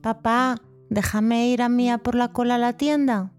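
A woman voicing a tiny, brave little boy in a children's story, with a high, slow, sing-song child voice. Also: steady tone, a little mellow, clear, resonant tone, faint music behind, lightly acted. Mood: pleading. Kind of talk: storybook acting.

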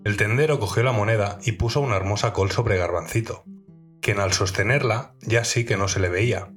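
Low-ish calm guy reading a kids' story, soft guitar behind. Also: brisk. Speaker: narrator. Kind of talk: children's story narration.

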